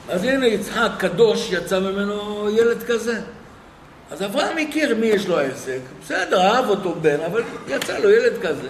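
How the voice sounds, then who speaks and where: Male preacher, high voice, lively storytelling sermon, faint noise and hall reverb. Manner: animated storytelling, acting out quoted dialogue. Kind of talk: sermon with retold stories.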